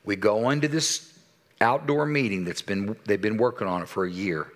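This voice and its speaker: A man in his sixties preaching a sermon in a church, telling a story with animated quoted dialogue and dropping to a soft voice for serious points. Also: on the low side, normal speed. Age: 60s. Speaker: pastor. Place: church sanctuary.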